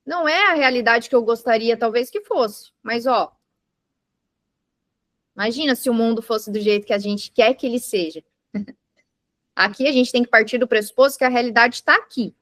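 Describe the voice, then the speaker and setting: A woman with a slightly high, somewhat bright voice leads a mindfulness session for a live group in an indoor room. She speaks at a moderate pace with long pauses, explaining patiently with everyday examples and asking the class questions. It's a dry, studio-quality recording.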